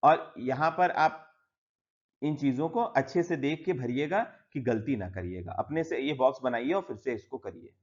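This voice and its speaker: A man's voice: mid-range voice, lively intonation, normal speed. A man teaching an English textbook lesson in Hindi with English words mixed in. He goes through it step by step and often says "theek hai". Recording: slightly dull lo-fi audio.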